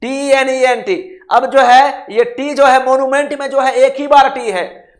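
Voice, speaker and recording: High-voiced man teaching a casual online lesson. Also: fairly even intonation, measured pace. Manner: casual, repeats "ठीक है?" and spells words letter by letter. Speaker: online exam-prep teacher.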